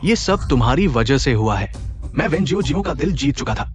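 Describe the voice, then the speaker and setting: A man's voice: medium pitch, lively intonation, fairly quick, faint music behind, lightly acted. A man voicing a bitter, scheming young man who angrily blames a woman in a dubbed drama. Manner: bitter, blaming.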